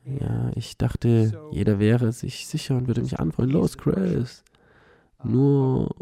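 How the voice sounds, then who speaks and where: Earnest male storyteller, gravelly and very dark, personal testimony. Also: mid-range voice, fairly even intonation, unhurried. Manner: earnest, frequent filler "ja". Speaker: cancer survivor sharing his story.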